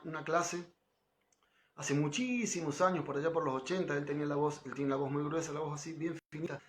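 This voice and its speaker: A man's voice: on the high side, fairly bright tone, a little hiss or hum. A middle-aged man giving an informal devotional class, talking conversationally and often checking in with his listeners. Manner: conversational, frequent tag questions, quotes others with lifted voice. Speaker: spiritual teacher giving a class.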